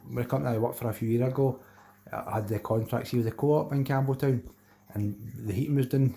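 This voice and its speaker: A man from Glasgow, Scotland, has a gravelly, warm, mid-range voice, and there's a little hiss or hum in the recording. He's casually chatting on a fishing live stream, reading and responding to viewers in a matey, rambling manner with colloquial Scots wording.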